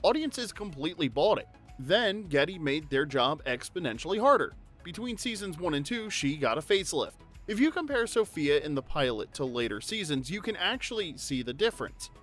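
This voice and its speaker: A man narrates a pop-culture trivia video in an upbeat, jokey, conversational read. His voice sits a bit high for a man, with faint music under it. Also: big pitch swings, normal speed, fairly bright tone. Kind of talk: scripted narration.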